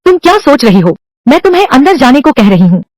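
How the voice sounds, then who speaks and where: A headstrong young bride-to-be. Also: female voice, high voice, sing-song, a little fast, a little mellow, no echo. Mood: defiant. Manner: defiant and insistent. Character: headstrong young woman refusing an arranged marriage. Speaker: dubbing actress. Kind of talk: dubbed TV drama dialogue.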